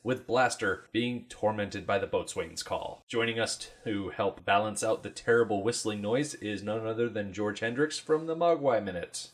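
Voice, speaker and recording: Male podcast host, low register, playful and jokey, casual banter. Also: normal speed, few pauses. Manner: jokey, laughs often.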